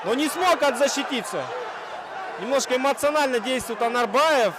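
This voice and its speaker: A man commentating live on an MMA bout like a wrestling commentator, moving between analysis and excitable calls. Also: extremely high pitch. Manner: analytical play-by-play. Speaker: fight commentator. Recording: loud crowd and arena noise behind. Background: arena crowd.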